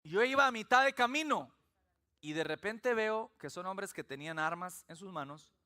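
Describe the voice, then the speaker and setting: A man from El Salvador, pitched high and moving at a moderate pace, preaches a church sermon in Salvadoran-accented Spanish. His storytelling is animated and full of humor.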